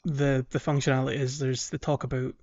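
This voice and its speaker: This man talks at a medium pitch with a fairly flat melody, a slightly quick pace and a darkish tone, captured on lo-fi audio. He's a podcast co-host chatting casually about a video game playthrough, chuckling often as he goes.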